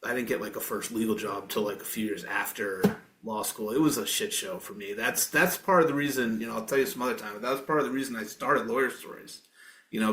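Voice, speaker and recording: A man's voice: lowish voice, a bit bright. A man in his forties hosting a podcast, talking in a loose, rambling way with many fillers and restarts. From Maine. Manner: rambling, frequent fillers and self-corrections. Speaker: podcast host. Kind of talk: casual interview chat. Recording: roomy echo.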